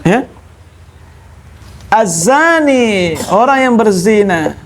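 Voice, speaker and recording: A male teacher lectures in a classroom, going through each rule step by step. He speaks slowly and keeps checking whether his students have understood. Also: sits high, lively intonation. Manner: explains step by step, repeating key terms. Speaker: Arabic grammar teacher.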